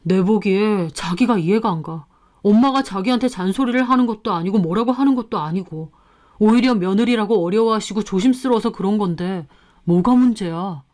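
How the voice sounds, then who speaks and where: A woman's voice: medium pitch, brisk, a little mellow, natural voice. A woman voicing a young husband who talks in a defensive, dismissive way.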